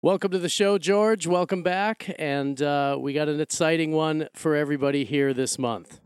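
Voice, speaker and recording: A man's voice: fairly high pitch, normal speed, smooth, no echo, clean studio sound. An American man from Milwaukee hosting a podcast, partly narrating from a script and partly chatting with his co-host. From Milwaukee, Wisconsin, USA.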